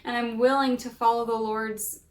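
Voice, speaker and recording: A woman in her thirties tells a personal story in a casual, gushing way, breaking into laughter as she goes. Her voice sits somewhat high. The mic is set back from her in an echoey room, so the sound is roomy and distant. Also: flat delivery, normal speed. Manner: giddy, gushing, laughs often. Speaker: vlogger and mother telling her birth story.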